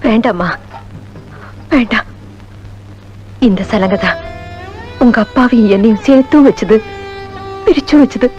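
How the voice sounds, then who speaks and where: A woman's voice: fairly high pitch, animated, measured pace, pauses often, darkish tone, highs cut off, soft background music. An actress playing a village mother who defends her son and scolds her husband in a film scene. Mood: sorrowful. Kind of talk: Tamil film drama acting.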